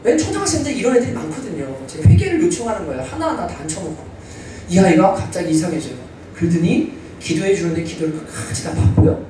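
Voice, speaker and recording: A male pastor giving a sermon, telling stories in a lively way and acting out the dialogue. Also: on the high side, a little hiss or hum. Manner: animated storytelling, acting out dialogue. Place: church sanctuary. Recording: distant echoey church hall.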